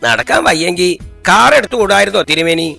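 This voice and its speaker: A muttering sly cartoon servant. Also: male voice, high-pitched, expressive, a little fast, gravelly, pushed and bright, faint music behind, heavily acted. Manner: mutters sarcastic asides, humble address. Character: sly, grumbling male servant, deferential to his lord.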